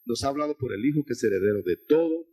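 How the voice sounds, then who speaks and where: A man delivers a teaching sermon, walking through scripture and calling his listeners brother. His voice is husky, and his pitch rises and falls with animation as he restarts and repeats phrases. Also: lively intonation, quick pace, mellow. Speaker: preacher. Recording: 1990s.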